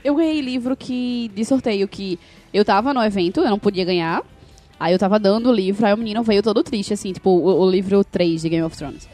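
A woman's voice: mid-range voice, a little fast, mellow, soft background music. A woman co-hosting a podcast, chatting through anecdotes and acting out bits of dialogue. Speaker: podcast co-host. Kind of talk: casual podcast chat.

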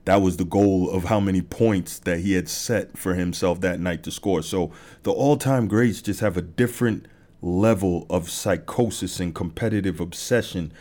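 Male podcast host, deep and mellow, easygoing storyteller with fillers. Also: moderate pace. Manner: conversational, many fillers and restarts. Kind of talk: casual monologue.

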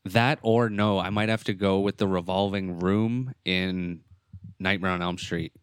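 Laid-back swearing podcast co-host, low voice. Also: male voice, fairly even intonation, unhurried, smooth, dry recording, clean studio sound. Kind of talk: casual chat.

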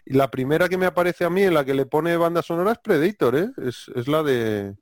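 A man from hosting a casual podcast chat about movies, excitable and full of slang. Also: fairly high pitch, brisk, no room sound, clean studio sound. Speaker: podcast host.

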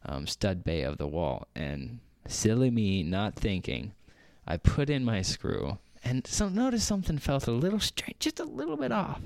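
A young man chats on a podcast, winding through a story with plenty of ums and restarts. His voice sits low but swings up and down a lot. The sound is dry and close. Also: very animated, moderate pace, creaky, few pauses, a little mellow, dry recording. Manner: rambling storyteller with many fillers and restarts; laughs often. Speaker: podcast co-host. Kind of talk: casual podcast chat.

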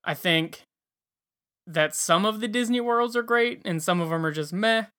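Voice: medium pitch, moderate pace, pushed and bright, smooth. A podcast co-host chatting casually and fondly about games, with a dash of sarcasm. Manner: enthusiastic, fond, a bit sarcastic. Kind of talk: casual gaming podcast chat.

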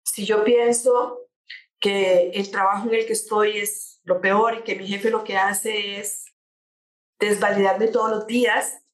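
A woman speaking as a coach on changing attitudes, explaining her points with rhetorical questions and everyday examples. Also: mid-range voice. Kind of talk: conversational talk show guest. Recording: echoey room.

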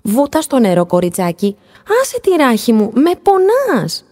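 A woman voicing a grown male dolphin in a children's story, shouting exasperated complaints in a raised voice. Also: on the high side, wildly swooping pitch, pitched above the performer's own voice. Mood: pained. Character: flustered grown male dolphin, easily pained. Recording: long hall reverb.

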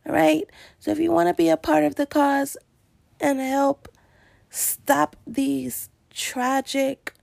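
A woman's voice: high voice, level tone, normal speed, vocal fry, warm tone, dry recording. A woman hosting a casual solo podcast, chatty and rambling, laughing often and stretching out her greetings. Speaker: podcast host.

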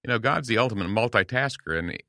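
A man in his late sixties, a guest on a casual podcast, speaks in an animated, quick, mid-range voice recorded with studio quality and no room sound. He tells stories earnestly to encourage listeners, offering warm encouragement with acted-out quotes.

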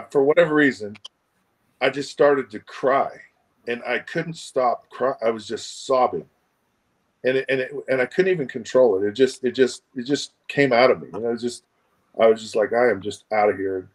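A man of average pitch speaks as a guest over a remote call. He tells a personal story in a halting, thoughtful way, often stumbling over and repeating his words. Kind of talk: casual storytelling interview. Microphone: remote video call.

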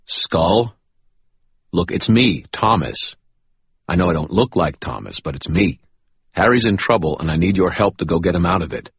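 A man's voice: low voice, lively intonation, normal speed, breathy edge, dry recording, muffled recording, pitched above the performer's own voice, heavily acted. A man voicing the first-person hero in dialogue, tense and pleading. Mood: urgent. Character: urgent young man pleading for help.

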